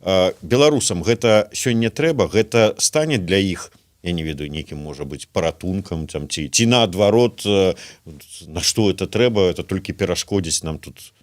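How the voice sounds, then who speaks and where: A man with a fairly low voice asks long interview questions. He hesitates a lot and fills the gaps between his words with drawn-out filler sounds.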